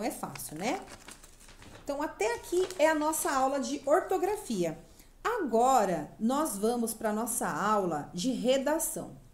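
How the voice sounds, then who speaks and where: A woman's voice: a little high, a little mellow. A woman teacher from Brazil with a Brazilian Portuguese accent, patiently explaining a lesson to young children and checking in often. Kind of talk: remote class lesson for children.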